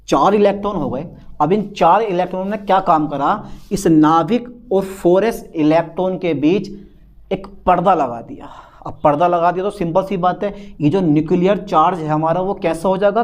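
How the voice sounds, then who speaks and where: Guy teaching chemistry, pretty high voice, keeps repeating stuff and checking in with students. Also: normal speed. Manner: repetitive, calls students beta, answers himself as student. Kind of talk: classroom lecture.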